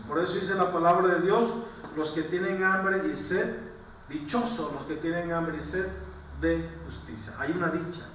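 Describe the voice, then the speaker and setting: A man's voice: on the high side, a bit bright, a little hiss or hum. A male pastor preaching a sermon, asking the same rhetorical questions again and again and breaking off into apologetic asides. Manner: repeats rhetorical questions, asks "¿sí?" often; apologetic, self-correcting asides. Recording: very echoey room, distant mic.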